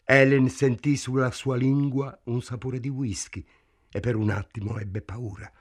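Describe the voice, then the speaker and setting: A man reading a novel aloud in a measured, dramatic narration. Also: medium pitch, flat delivery. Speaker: audiobook reader. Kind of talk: scripted literary narration.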